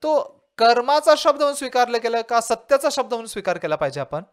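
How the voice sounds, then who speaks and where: Animated male pastor preaching. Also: extremely high pitch, fast talker, smooth. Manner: asks listeners rhetorical questions. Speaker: pastor interpreting a sermon. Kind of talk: sermon.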